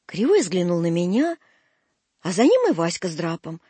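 A woman narrating a story aloud in an expressive reading voice. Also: lowish voice, normal speed, slightly rough, no echo. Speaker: reader.

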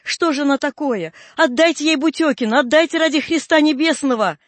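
A man's voice: very high voice, brisk, fairly bright tone, dry recording, pitched above the performer's own voice. A man reading a storybook, voicing a frightened older peasant woman who mutters and pleads. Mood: alarmed pleading.

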